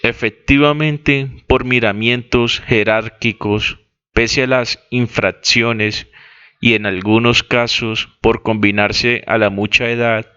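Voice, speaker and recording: A man reading a text aloud as dictation, deliberately spelling out words and correcting his own slips. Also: lowish voice, pushed and bright, smooth. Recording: dull lo-fi recording.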